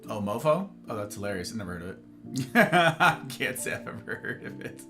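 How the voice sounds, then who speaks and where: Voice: medium pitch, sing-song, normal speed, sharp tone, faint music behind. A live streamer host chatting casually with viewers in a playful, rambling way, full of silly slang.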